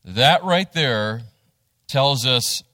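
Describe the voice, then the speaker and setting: A man preaches in a large sanctuary, his voice close and dry with a long tail of reverb behind it. He is a pastor who tells stories with energy, acting out the people he quotes. His pitch sits in the middle range for a man. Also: very slow. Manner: animated storytelling, acts out quotes. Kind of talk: sermon with personal story.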